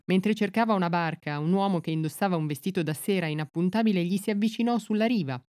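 A woman narrating a literary excerpt and fairy tale in a measured, unhurried audiobook reading. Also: on the low side, darkish tone, no echo, studio quality.

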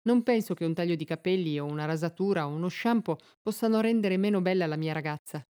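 A woman voicing a stunned young husband who speaks in a dazed, halting way. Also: on the low side, mellow, smooth, lightly acted. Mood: tender.

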